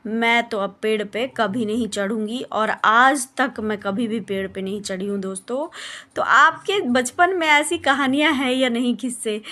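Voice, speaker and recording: ऊँची आवाज़ में किस्से सुनाती महिला. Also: female voice, a little high. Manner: chatty, animated, addresses viewers as friends. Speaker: vlogger. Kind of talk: casual storytelling vlog.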